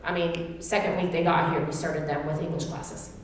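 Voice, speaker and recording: Her voice sits low with little pitch movement and a moderate pace, and a bit of hiss or hum comes through. She's a Turkish-born Tulsa native with an Oklahoma accent, guest-speaking informally to a church class and answering questions at length. Long reverb fills the echoey hall.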